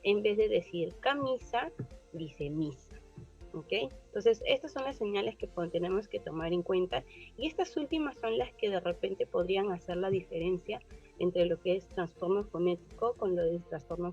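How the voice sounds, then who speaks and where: A woman giving a group class presentation, explaining steadily and often checking in with a quick question. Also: mid-range voice, a little mellow. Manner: explanatory, frequent tag questions. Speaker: student presenter. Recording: dull, muffled recording with faint music.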